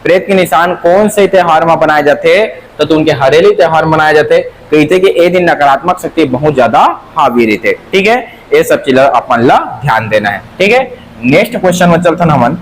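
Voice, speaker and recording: A man's voice: on the high side, animated, normal speed, slight background noise, poor audio. A man teaching an exam-prep class with a Chhattisgarhi accent, drilling answers by repeating them in a sing-song and asking and answering his own questions.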